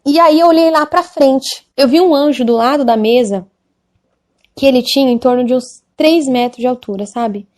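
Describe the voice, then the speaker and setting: A woman's voice: high-pitched, moderate pace, a little mellow. A woman with a Brazilian accent giving an earnest, hesitant religious testimony, repeating details as she goes. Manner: earnest, repetitive, hesitant retelling. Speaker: testimony speaker.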